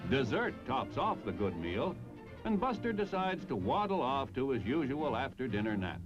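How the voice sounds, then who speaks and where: Over music on an aging film soundtrack, a medium-pitched American man reads scripted military newsreel narration from the 1950s-60s. His delivery is jaunty and polished, with big swings in pitch, at a moderate pace and in lo-fi quality.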